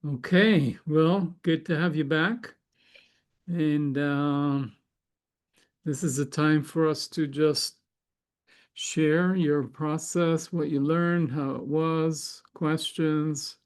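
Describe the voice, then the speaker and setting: A man hosting an online gathering, guiding a meditation with calm, slowly paced prompts. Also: on the high side. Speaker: host and meditation guide. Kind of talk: slow guided meditation.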